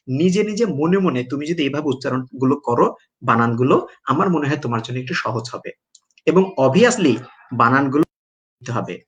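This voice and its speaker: A man with a Bangladeshi accent teaching an exam-prep English lesson, asking questions and then answering them himself, and spelling words out slowly syllable by syllable. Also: fairly high pitch.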